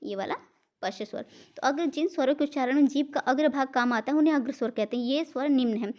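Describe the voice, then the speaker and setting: A woman with an Indian accent teaches an exam-prep grammar lesson in a fairly high voice. She lays out each point step by step, poses questions and answers them herself. She slips English words into her explanations. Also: fast talker, darkish tone.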